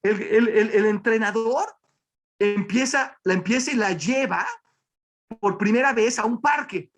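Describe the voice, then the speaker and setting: A man giving a motivational talk, telling a fable in an animated way and often repeating and restarting words. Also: high-pitched, unhurried.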